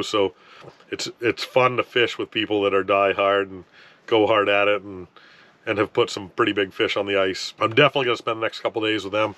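This clip has a man in his thirties, a fishing vlogger, rambling casually to camera inside an ice fishing tent while wind blows across the frozen lake. Relaxed, he often restarts and drops in "you know". His pitch is fairly low, there's no echo, and the highs are cut off.

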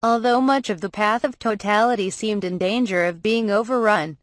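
A woman giving a measured, scripted news narration as a voice-over. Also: medium pitch, no room sound.

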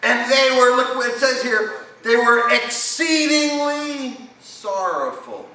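Slow, bright-voiced preacher in an echoey church. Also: male voice, extremely high pitch, animated, far from the mic. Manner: folksy, asks the congregation questions. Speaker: pastor. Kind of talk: sermon. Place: church sanctuary.

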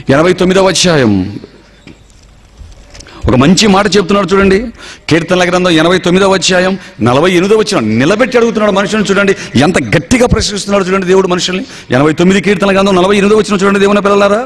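In a high voice at a quick pace, a man preaches a dramatic sermon. He tells stories dramatically, acts out dialogue from everyday scenes and puts questions to his listeners in the congregation, all captured with long reverb.

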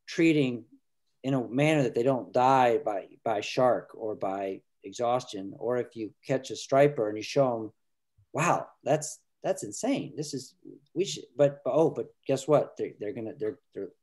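A middle-aged man's mid-range, darkish voice comes through a webcam as he joins a casual video call from a room in his house as a filmmaker guest. He talks earnestly but haltingly, restarting many of his sentences.

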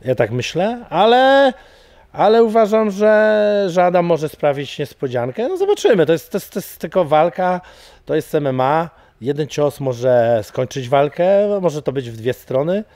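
A man's voice: on the high side, big pitch swings, normal speed, a little mellow, no room sound. A middle-aged man, an MMA coach, talking casually in an interview, rambling with many fillers and repeated words. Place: studio with banner backdrop.

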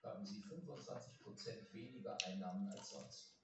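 A man's voice: fairly low pitch, moderate pace. A man reading scripted documentary narration. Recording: echoey distant playback, loud noise.

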